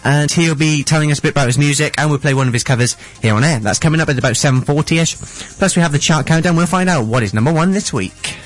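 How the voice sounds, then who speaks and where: A man's voice: a little high, fast talker, few pauses, faint music behind. A young man presenting a radio show in a casual, chatty style as co-host.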